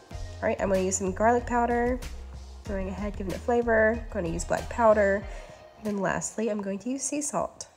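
A woman's voice: mid-range voice, normal speed. Woman giving easygoing recipe steps. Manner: relaxed, instructive, easygoing. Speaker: cooking channel host. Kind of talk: recipe voice-over. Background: faint background music.

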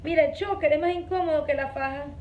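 A woman with a high voice talks casually and dramatically to her phone at home, tossing out exclamations. The recording is dull and muffled. A clear hiss of noise runs under her voice. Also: fast talker. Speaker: vlogger. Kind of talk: casual vlog chat.

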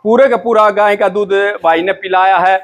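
Host, male, Indian, high-pitched, folksy farm-video presenter. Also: fairly even intonation, normal speed, soft background music. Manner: folksy, addresses viewers as brothers. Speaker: host of a buffalo farming channel. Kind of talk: casual farm interview.

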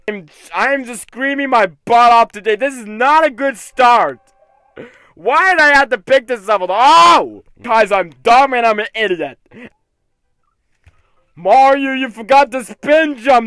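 A man hosting excitable video game commentary, exclaiming and scolding the game character, often tacking "though" onto his sentences. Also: very high-pitched, dry recording, low-quality recording. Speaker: gaming video host.

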